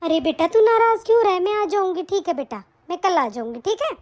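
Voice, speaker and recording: A soft-spoken, modest old aunt in a cartoon story, as a woman puts her on. She talks affectionately and humbly, in a very high voice. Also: sing-song, fairly quick. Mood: content. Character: elderly aunt, humble and gentle. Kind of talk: animated story voice acting.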